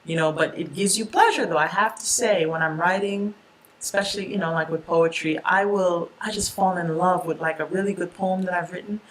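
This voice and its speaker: A woman of Jamaican roots, a poet and writer, talking in a relaxed, chatty way in an interview, laughing often and restarting her sentences. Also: fairly low pitch, a little fast, a little hiss or hum, poor audio. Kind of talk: relaxed interview talk with a poetry reading.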